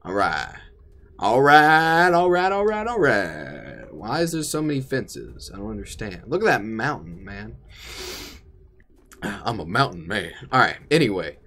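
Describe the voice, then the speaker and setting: A man's voice: on the low side, big pitch swings, a little slow, bright, forceful tone. A young man giving casual, jokey commentary as he plays a horror game, often repeating himself in a mock-dramatic way. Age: young adult. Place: indoor room.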